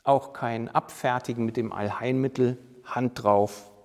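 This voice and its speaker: A man giving a measured, deliberate sermon and reading scripture with emphasis. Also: medium pitch, fairly even intonation, vocal fry, big-room sound. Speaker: preacher.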